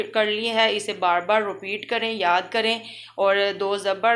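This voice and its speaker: A woman teaching Quran reading in a calm online lesson, recorded close to the mic. Her voice is bright and forward. She draws out the letter drills slowly and talks through her explanations quickly. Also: mid-range voice. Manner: slow drawn-out drills, then quick explanations.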